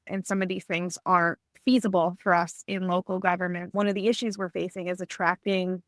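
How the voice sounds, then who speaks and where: A woman's voice: medium pitch, a bit bright, dry recording, clean studio sound. An American woman in her thirties, an assistant manager speaking openly and earnestly in a roundtable discussion. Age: 30s.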